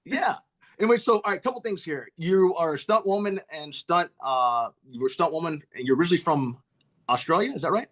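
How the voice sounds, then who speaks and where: Fast-talking American man hosting a podcast. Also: fairly high pitch, expressive, a bit bright. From United States. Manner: eager, stumbles and restarts over words. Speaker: podcast host. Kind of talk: casual podcast interview.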